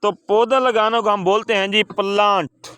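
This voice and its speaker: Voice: medium pitch, steady tone, normal speed, heavy background noise. A teacher leading an English lesson, spelling words letter by letter and having the pupils repeat them. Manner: addresses pupils as "beta". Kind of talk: call-and-response English lesson.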